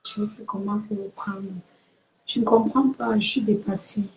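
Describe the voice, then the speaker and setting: A woman's voice: medium pitch, steady tone, a little slow, a little hiss or hum. A woman chatting live with viewers, greeting them and reading their comments, laughing often and chanting names in a sing-song way. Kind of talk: casual live-stream chat. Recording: echoey room.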